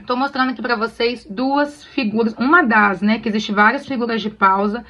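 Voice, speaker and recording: A woman's voice: fairly high pitch, normal speed, bright, forceful tone, highs cut off. Friendly Brazilian woman teaching soprano singing. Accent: Brazilian Portuguese. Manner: friendly, explains patiently with many "tá bom?" checks. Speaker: singing teacher for church choir. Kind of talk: casual tutorial on reading sheet music.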